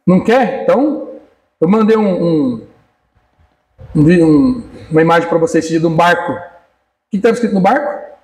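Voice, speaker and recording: A man's voice: a little high, animated, moderate pace, long pauses, a little mellow, roomy sound, recorded from a distance, poor audio. A man preaching a casual sermon, joking and acting out little dialogues as he calls on people in the congregation by name. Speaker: pastor.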